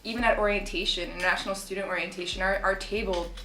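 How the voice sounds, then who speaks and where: A woman's voice: mid-range voice, fairly even intonation, fast talker, pushed and bright. A young woman from Switzerland, a student, speaking candidly about herself in an interview testimonial. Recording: roomy echo.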